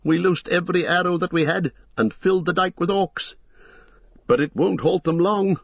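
A man voicing a breathless male rear-guard rider who speaks urgently, fast and high. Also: vocal fry, husky, dry recording, highs cut off, exaggerated voice.

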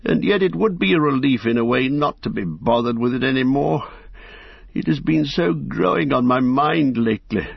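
A man putting on a fussy, excitable old hobbit who flutters high and swoops about in his speech, with a husky, gravelly edge underneath. He talks in eager, breathless bursts. The storybook recording is dry and a little dull. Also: moderate pace, dry recording. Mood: uneasy.

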